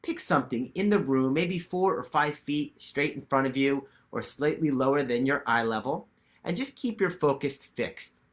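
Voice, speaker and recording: Man gently leading a guided meditation. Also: mid-range voice, lively intonation, normal speed. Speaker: meditation teacher. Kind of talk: guided meditation instruction, spoken to viewers.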